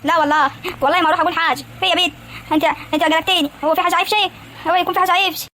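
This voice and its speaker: A woman's voice: very high voice, fairly even intonation, rapid-fire, sharp tone, a little hiss or hum. A woman voicing bossy Egyptian big sister Suad. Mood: prying. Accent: Egyptian Arabic. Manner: teasing, prying, advising. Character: bossy caring young wife and older sister. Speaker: voice actor in animated comedy. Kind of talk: animated cartoon acting.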